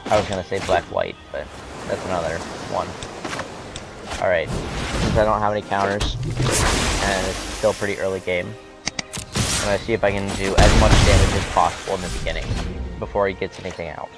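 A young man giving relaxed, wry commentary while playing a card game, thinking aloud with fillers, with hiccups. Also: low voice, brisk, long pauses. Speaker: gamer. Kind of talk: casual gameplay commentary. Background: loud music.

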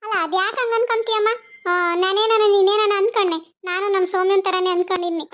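A woman's voice: extremely high pitch, little pitch movement, fast talker, a bit bright. A woman voicing a fussing, anxious mother-in-law. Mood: coaxing. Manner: coaxing, worried questioning. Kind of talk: cartoon voice acting. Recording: dull lo-fi recording.

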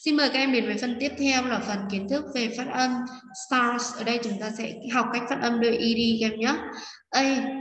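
A woman's voice: a little high, steady tone, a little fast, a bit bright, a little hiss or hum. A woman teacher explaining a lesson step by step, patiently, with frequent check-ins with her students. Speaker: English teacher. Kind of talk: recorded classroom lesson explanation. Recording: echoey room, long reverb, voice distant from mic.

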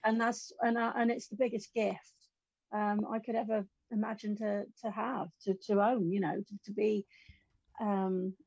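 A woman's voice: mid-range voice, little pitch movement, normal speed, vocal fry, darkish tone, slightly rough, no room sound. A middle-aged woman from the UK, a guest musician chatting in a casual interview from her home studio, telling stories with lots of restarts over a video call. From United Kingdom. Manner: chatty storytelling with many restarts. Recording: dull lo-fi dry stream audio.

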